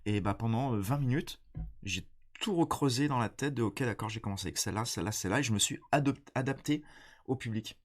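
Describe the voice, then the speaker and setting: A man with a stuffy, nasal voice from a cold, chatting casually and explaining things in a halting, slangy way. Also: mid-range voice. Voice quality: congested, nasal. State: blocked nose from a cold. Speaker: stand-up comedian.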